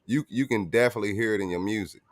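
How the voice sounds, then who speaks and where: A man hosting a podcast interview, talking in a relaxed, slangy way. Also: fairly low pitch, very fast, no room sound, studio quality. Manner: relaxed, slangy, says "bro" often. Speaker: podcast host.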